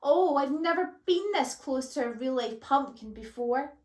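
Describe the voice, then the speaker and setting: A woman's voice: a little high, expressive, moderate pace, close to an everyday voice. A woman voicing a big friendly bookworm lady. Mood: kind. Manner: warm and gentle. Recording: roomy echo.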